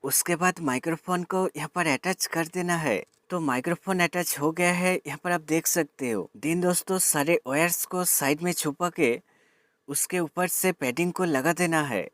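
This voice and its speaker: In a step-by-step installation tutorial, a tech reviewer instructs his viewers, whom he calls friends, while mixing English words into his speech. He speaks at a moderate pace in a slightly high, fairly bright voice.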